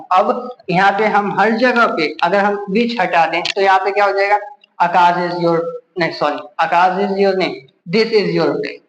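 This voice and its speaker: A male teacher with a Hindi accent, his voice pitched high, explains grammar by asking the class questions and answering them himself. The recording sounds echoey, with a faint hiss underneath. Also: fairly bright tone. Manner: repeats rhetorical questions to the class.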